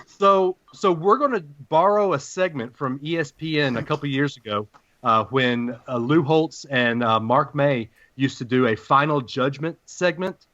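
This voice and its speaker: A man with a deep Southern US accent hosting a casual sports podcast in a folksy, playful showman's way. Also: measured pace, a bit bright, dry recording, muffled recording.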